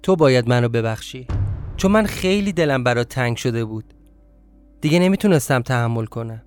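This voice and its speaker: A man's voice: medium pitch, expressive, soft background music, natural voice. A man voicing a kind, affectionate young woman who coaxes fondly, in a story reading. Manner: warm, coaxing, fond.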